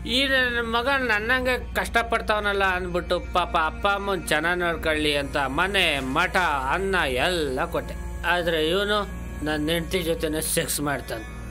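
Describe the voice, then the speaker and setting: An actor playing a furious, betrayed husband who hurls crude insults and threats, with a Kannada accent. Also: male voice, high-pitched, a little slow, faint music behind. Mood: ranting. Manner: abusive, shouting insults. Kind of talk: comedy web series acting.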